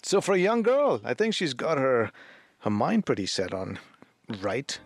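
A man's voice: mid-range voice, wildly swooping pitch, measured pace, dry recording, studio quality. A man with an Indian accent hosting a radio call-in show, chatting casually with flirtatious, teasing banter. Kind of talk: casual chat, mixing English and Hindi. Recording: music behind the voice.

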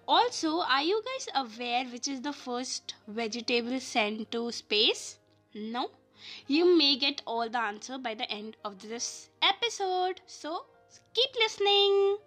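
A woman podcast host with an Indian accent speaks in a fairly high voice over music. She has a cold, and talks informally and directly to her listeners, as in a chatty episode read from notes. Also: fairly bright tone. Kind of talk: chatty scripted podcast narration.

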